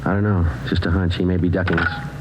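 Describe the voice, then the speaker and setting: An American actor playing a terse, businesslike police sergeant in a clipped, deadpan 1940s radio drama style. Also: male voice, low-pitched, fast, highs cut off, noisy background, close to an everyday voice. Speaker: lead actor and narrator. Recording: old 1940s radio recording.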